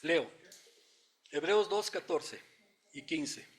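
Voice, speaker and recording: A man with a Mexican Spanish accent preaching a Bible study sermon, explaining word meanings in a teacherly way, thinking aloud with small fillers, and reading scripture slowly. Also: on the high side.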